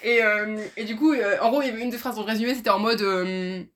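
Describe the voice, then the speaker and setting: A woman's voice: medium pitch, fairly even intonation, quick pace, a little hiss or hum. A young woman co-hosting a casual podcast, rambling through a plot summary with hesitations. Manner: rambling, hesitant, many "tu vois". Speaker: podcast co-host. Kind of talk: casual chat about books.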